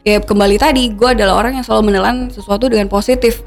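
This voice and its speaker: A woman, a podcast guest telling her own story candidly, animated, often laughing and slipping English words into her talk. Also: mid-range voice, racing, soft background music.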